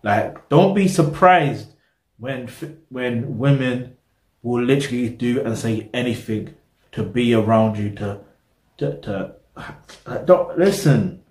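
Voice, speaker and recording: Young man, rambling casual commentary, mid-pitched voice, echoey small room. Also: takes it slowly. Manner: rambling, loses his train of thought, repeats "get me". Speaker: reaction video host. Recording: roomy echo.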